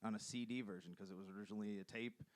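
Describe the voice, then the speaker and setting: A man's voice: fairly low pitch, steady tone, rapid-fire. Rambling enthusiastic male podcast host. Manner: rambling, enthusiastic, many fillers and restarts. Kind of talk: casual solo podcast chat.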